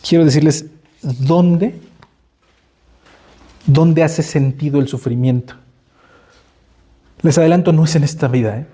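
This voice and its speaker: A man's voice: on the high side, unhurried, pauses often, warm tone, breathy edge. A middle-aged man with a Mexican Spanish accent preaching a sermon in a conversational way, with frequent asides and tag questions, acting out quoted dialogue in a playful voice. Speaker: pastor.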